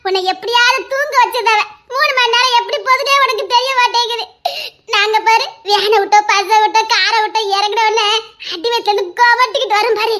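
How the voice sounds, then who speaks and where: A young woman, voicing a cheeky village woman in loud, laughing, bickering audio-drama banter. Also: very high-pitched, fairly even intonation, a little fast. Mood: teasing.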